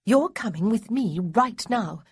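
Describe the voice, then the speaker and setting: A woman's voice: medium pitch, expressive, measured pace, husky, no room sound, studio quality, pitched above the performer's own voice, heavily acted. A woman voicing an anxious young female cousin who fusses and gives firm orders. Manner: fretful, then firm and bossy.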